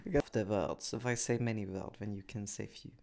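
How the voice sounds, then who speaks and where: A man's voice: on the low side, vocal fry. A man voice actor recording lines in a blooper session, giggling between takes. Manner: giggly, slow, animated delivery.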